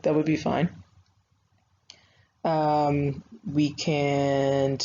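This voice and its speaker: A young woman who teaches writing gives a recorded online grammar lesson in a low, mellow voice, speaking patiently and conversationally with lots of fillers. The audio is slightly dull and lo-fi, with faint noise.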